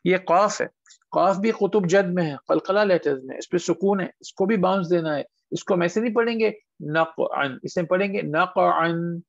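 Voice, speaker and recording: High-voiced man teaching over a call. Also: creaky, no echo. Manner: patient, asks students questions, drawn-out model words. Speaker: Quran recitation teacher. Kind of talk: online tajweed class. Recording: dull lo-fi online call audio.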